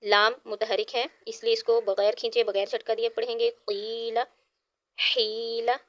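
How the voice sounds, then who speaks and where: A woman's voice: a little high, flat delivery, fairly quick, fairly bright tone. A woman Quran teacher with a Pakistani Urdu accent, giving a recitation lesson: she spells out syllables one by one with care, then explains the rules.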